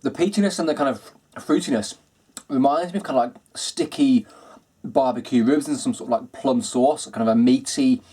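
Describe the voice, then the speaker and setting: A man hosting a casual whisky review video, talking in a relaxed, chatty way with lots of ums and kinds of. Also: mid-range voice, moderate pace, husky.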